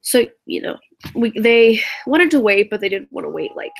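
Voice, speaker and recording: A woman's voice: fairly high pitch, sing-song, moderate pace, gravelly, low-quality recording. A teenage girl from Indiana chatting on a live stream, rambling and giggly with lots of fillers and asides. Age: teens. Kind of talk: casual live-stream chat.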